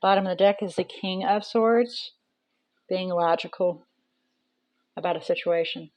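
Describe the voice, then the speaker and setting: A woman's voice: fairly low pitch, a little slow, darkish tone, dry recording, rough recording. A woman reading tarot cards aloud in a casual, chatty way, thinking aloud with many ums and restarts. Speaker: tarot reader.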